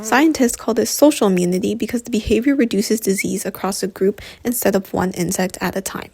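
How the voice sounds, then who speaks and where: A woman's voice: medium pitch, a little fast, gravelly, darkish tone, breathy edge. A woman co-presenting with scripted, expository educational narration.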